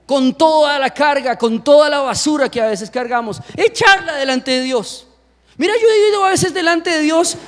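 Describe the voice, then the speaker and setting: High-pitched preaching pastor, man. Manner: preaching with rhetorical questions to the congregation; animated, with sudden loud exclamations. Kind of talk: sermon. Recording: long hall reverb.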